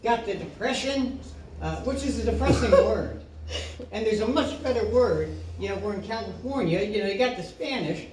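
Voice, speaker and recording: A man's voice: high-pitched, lively intonation, fairly quick, darkish tone, a little hiss or hum. A man from Iowa, a street comedian doing crude, rambling banter with passersby and laughing at his own jokes. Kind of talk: improvised comic banter with passersby. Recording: echoey, distant, with guitar music.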